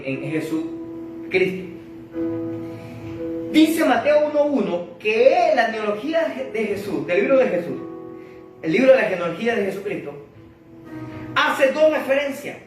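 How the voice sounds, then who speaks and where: A male preacher giving a sermon, speaking emphatically and addressing the congregation directly, often repeating words and restarting phrases. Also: high-pitched. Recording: very echoey hall from far off with faint music.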